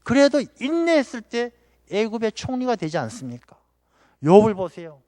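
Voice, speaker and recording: A male pastor with a high, light voice delivers a Sunday sermon, talking to the congregation in an easy, conversational way. He slips into quick acted-out quotes to make his points. The sound is close and dry, with no room echo. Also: sing-song, darkish tone.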